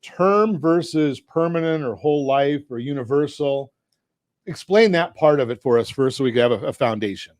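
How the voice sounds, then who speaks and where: A man with a Southern Californian accent hosts a finance talk radio show, full of energy and jokes as he puts leading questions to his guests and handles a sponsor read. His mid-range voice is a little mellow, with lively intonation and a moderate pace. It's captured on a studio mic with no room sound.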